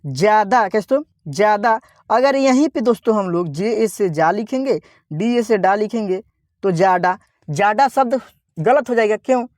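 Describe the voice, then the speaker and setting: A man teaching an online reading lesson slowly, spelling out each word, repeating it and asking viewers to say it back. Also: high-pitched, animated, a little mellow, dry recording, clean studio sound.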